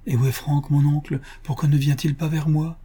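A man's voice: fairly high pitch, level tone, fairly quick, warm tone, husky, voice pushed up. A man voicing an anxious young heiress. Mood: pleading. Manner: urgent, pleading questions.

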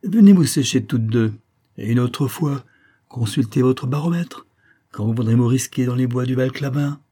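A man's voice: medium pitch, moderate pace, mellow, natural voice. A man voicing a teasing middle-aged farmer in a storybook reading, with a mocking manner.

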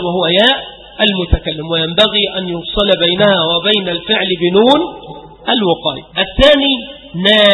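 A man's voice: high voice, bright, forceful tone. Man teaching grammar in an echoey hall. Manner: explains with questions he answers himself, drills example words. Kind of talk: lecture explaining grammar. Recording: echoey hall with long reverb.

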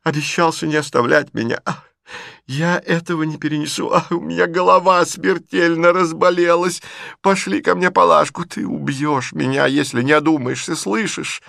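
A man's voice: on the high side, steady tone, normal speed, gravelly, fairly bright tone, no room sound, clean studio sound, pitched above the performer's own voice. A man voicing a complaining, dramatic middle-aged mother in an audiobook reading. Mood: fretful. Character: fretful, self-pitying mother, a middle-aged woman.

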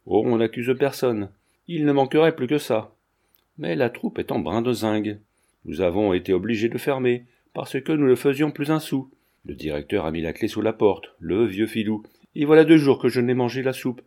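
A man's voice: medium pitch, animated, moderate pace, mellow, lightly acted. A man reading a ruined fairground clown in his forties, coarse and plaintive. The speech is slangy and grumbling, in an ordinary mid-range voice. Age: 40s. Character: poor middle-aged fairground clown, coarse and lamenting.

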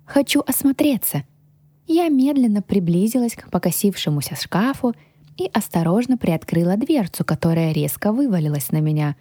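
A woman narrating an audiobook in the first person, with lively, expressive storytelling. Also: on the low side, moderate pace, dry recording, clean studio sound.

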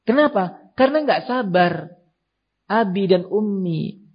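A man from Indonesia gives an earnest, admonishing sermon in a fairly high, husky voice. The recording is dull and lo-fi, captured in a small prayer hall. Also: expressive, slow. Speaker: Islamic preacher.

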